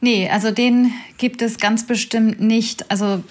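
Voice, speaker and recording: A woman university lecturer appears as a guest expert, explaining a topic at length in an academic talk. Her voice is on the high side, fairly even and a little slow, and her manner is thoughtful and hesitant, with plenty of fillers.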